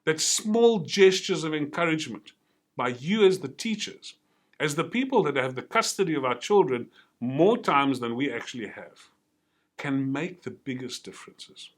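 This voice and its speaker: A man's voice: fairly high pitch, animated, moderate pace. A man giving an earnest, encouraging motivational talk to teachers and telling stories along the way. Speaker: motivational speaker.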